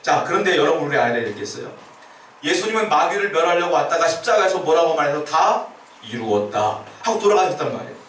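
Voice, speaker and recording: A man's voice: fairly high pitch, lively intonation, rapid-fire, a bit bright, slight background noise. A male pastor preaching a sermon, explaining step by step and asking the congregation questions. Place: church sanctuary. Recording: roomy church sound from a distant mic.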